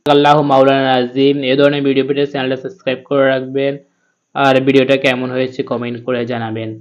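A man teaching Quran reading to viewers, spelling out each letter and sound slowly before chanting the verse. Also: mid-range voice, monotone, highs cut off. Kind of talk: step-by-step recitation lesson.

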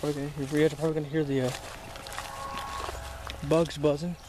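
A man with a slightly high voice talks off the cuff as host of an outdoor wildlife vlog. He is informal and exclamatory, swearing freely and addressing his viewers. The handheld camera picks up faint outdoor noise around him. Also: little pitch movement, fast. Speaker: host of amateur snake-catching vlog. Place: outdoors by a creek in weedy woods. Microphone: handheld camera held by the speaker.

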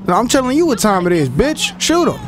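Brash trash-talking man, lively pitch. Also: a little fast. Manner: shouts at game characters. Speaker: gameplay commentator. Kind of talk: profane running commentary over gameplay.

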